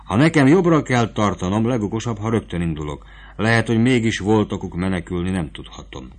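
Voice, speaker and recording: A man's voice: lowish voice, expressive. A man voicing a naive, impulsive young soldier in an audiobook reading. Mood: pondering. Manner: earnest and impulsive. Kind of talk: audiobook character voice.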